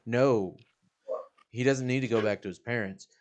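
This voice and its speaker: A man's voice: medium pitch, normal speed. A man playing a tabletop game, speaking bluntly and curtly in character. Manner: blunt, curt. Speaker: player. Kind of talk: casual tabletop play.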